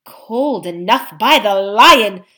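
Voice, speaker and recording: A woman's voice: mid-range voice, lively intonation, slow, pushed and bright. A woman voicing an indignant young king. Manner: indignant exclamations. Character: young male king, proud and outraged.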